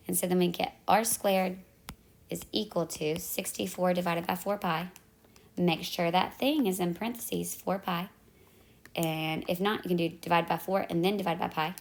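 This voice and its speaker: Her voice on the low side and marked by vocal fry, a woman teacher losing her voice works through math problems one step at a time at home in the evening. She narrates her calculator steps and corrects herself along the way.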